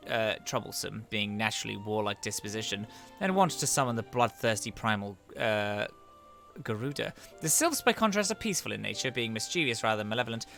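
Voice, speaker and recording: Streamer guy as a formal young scholar, read off the screen, bright timbre. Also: medium pitch, creaky. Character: earnest young male scholar, read aloud. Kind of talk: reading game dialogue aloud.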